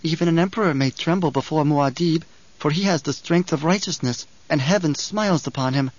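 A serene, unsettling little girl, put on by a male narrator, speaking slowly and with eerie composure. The voice is lifted higher than usual. The audiobook sound is dry and slightly muffled. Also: no echo, natural voice. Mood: calm, eerie. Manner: slow, measured, serene. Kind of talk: audiobook character voice. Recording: dull, dry studio recording.

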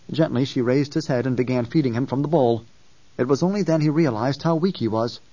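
A man narrating an audiobook in a steady, measured reading. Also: medium pitch, no room sound. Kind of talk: scripted narration. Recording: dull distant dry recording.

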